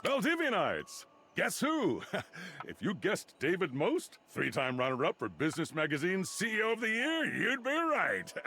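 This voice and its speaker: A self-important video game CEO, pompous corporate tone, huge pitch swings. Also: male voice, wildly swooping pitch, normal speed, pushed and bright, breathy edge, heavily acted. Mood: smug. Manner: pompous memo-style announcement.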